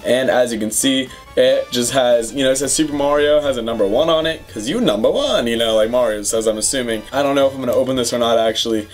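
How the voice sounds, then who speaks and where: A young man hosting a casual unboxing vlog at home, chatty and excitable, with lots of fillers and gushing. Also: mid-range voice. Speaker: YouTube host. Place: home room with puzzles on the wall.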